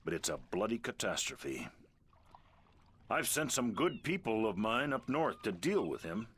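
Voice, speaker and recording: A man's voice: on the low side, sing-song, unhurried, a bit bright, breathy edge, full character voice. An actor playing a sardonic, exasperated seaman and trader in a video game, with a salty, sarcastic way of talking.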